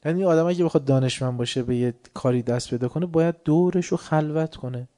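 A man giving a religious lecture, swinging between soft asides and loud, heated outbursts. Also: fairly high pitch. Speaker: preacher.

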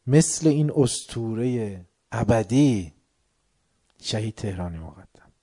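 A man giving a religious lecture, swinging between soft asides and loud, heated outbursts. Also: on the low side, lively intonation. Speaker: preacher.

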